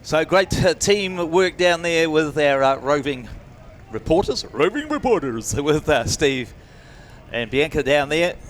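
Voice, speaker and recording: A man commentates live at an event. His voice sits a little high and he rambles easily, with faint background noise. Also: lively intonation, unhurried.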